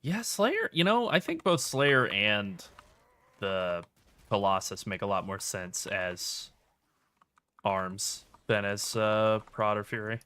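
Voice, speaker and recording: A man streaming a video game, chatting casually with dry, relaxed jokes. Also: fairly low pitch, takes it slowly, smooth. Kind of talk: casual gameplay commentary.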